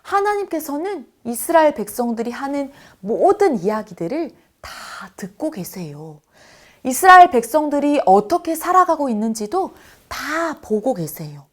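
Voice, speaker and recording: A woman children's preacher telling a Bible story to young kids in an animated, sing-song way that stretches out her words. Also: high-pitched, moderate pace.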